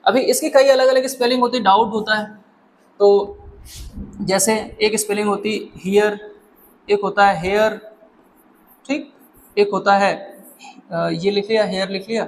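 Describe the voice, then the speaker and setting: A man's voice: high-pitched, steady tone, a little slow, long pauses, slight background noise, poor audio. A male teacher with a Hindi accent explains grammar step by step. He often asks questions and then answers them himself. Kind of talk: classroom grammar lesson.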